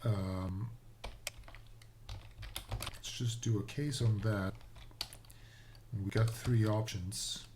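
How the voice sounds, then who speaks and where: A Dutch programmer from the Netherlands or the Dutch-speaking Low Countries live-streams a coding session and thinks aloud, slow and halting, musing and trailing off mid-thought. His voice is fairly low with fairly even intonation over a noisy background of keyboard typing and clicks.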